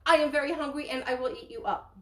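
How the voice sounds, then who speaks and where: A woman voicing a hungry, bossy male lion in a storybook tale, loud and demanding. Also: high voice, steady tone, fast talker, reverberant, far from the mic. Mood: threatening.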